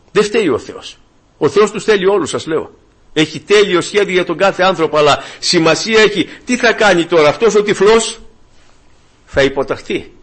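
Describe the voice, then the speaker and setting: A male preacher delivering a sermon in a husky, slightly raspy voice pitched a little above the usual. He speaks fervently to his listeners, fires rhetorical questions at them and repeats his key points. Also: fairly bright tone. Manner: fervent, emphatic.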